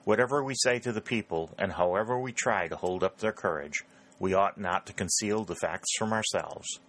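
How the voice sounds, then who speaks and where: A man's voice: deep voice, normal speed, fairly bright tone. A man reading aloud, voicing a grave and candid male newspaper editor in a storybook reading.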